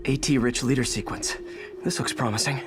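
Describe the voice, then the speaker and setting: A man's voice: mid-range voice, fairly even intonation, fairly quick, music in the background, natural voice. A man voicing an earnest, wisecracking young superhero who thinks aloud as he investigates in a video game. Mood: curious.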